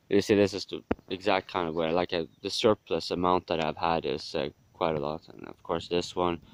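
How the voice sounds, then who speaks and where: Very deep-voiced hungover Norwegian man. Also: darkish tone, a little hiss or hum, poor audio. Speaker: vlogger. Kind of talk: casual rambling vlog.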